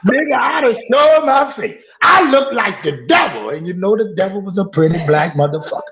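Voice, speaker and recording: A man's voice: sits high, lively intonation, a little fast, breathy edge, muffled recording. Tipsy rowdy man in his fifties. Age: 50s. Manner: loud, joking, boastful and rowdy, laughs often. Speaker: guest fan on a livestream. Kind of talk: casual chat.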